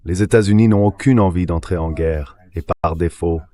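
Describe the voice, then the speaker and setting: This is a man's low, mellow voice at a moderate pace, voicing a translated political commentary. As an interview guest and political commentator, he's emphatic and assertive, leaning often on rhetorical questions.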